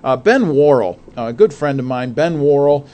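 A man's voice: mid-range voice, lively intonation, moderate pace, warm tone. Earnest man co-hosting radio. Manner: earnest, many fillers and restarts. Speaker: radio show co-host. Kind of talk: casual radio talk.

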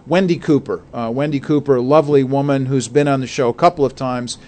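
A man's voice: medium pitch, steady tone, fast talker, darkish tone. A man co-hosting a faith radio show, talking earnestly with many fillers and restarts. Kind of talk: casual radio talk.

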